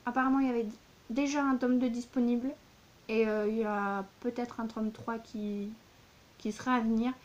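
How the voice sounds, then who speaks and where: A woman's voice: fairly high pitch, little pitch movement, moderate pace, dull audio. A woman in her thirties, a book vlogger showing her purchases in a casual, gushing way, with many fillers and repeated words. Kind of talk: casual book haul vlog.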